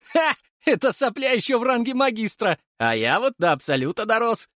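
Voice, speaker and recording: A man voicing a loud, boastful young show-off who brags and taunts in a squeaky voice. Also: big pitch swings, normal speed, dry recording, studio quality, heavily acted.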